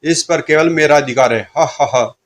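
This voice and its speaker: A man's voice: on the high side, normal speed, a bit bright, close to an everyday voice. A man voicing a greedy, boastful male villain chief who mocks his enemies. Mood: gloating. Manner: boastful, mocking laugh.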